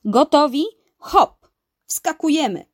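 A woman's voice: mid-range voice, sing-song, takes it slowly. Woman doing a hearty, bold uncle. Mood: cheerful. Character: brave, cheerful uncle leading a diving crew.

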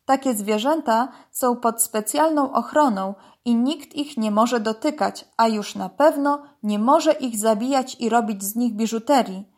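A woman voicing a stern male crocodile policeman who barks orders and then explains calmly. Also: medium pitch, slow, few pauses. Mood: calm explaining. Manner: loud commanding, then calm explaining.

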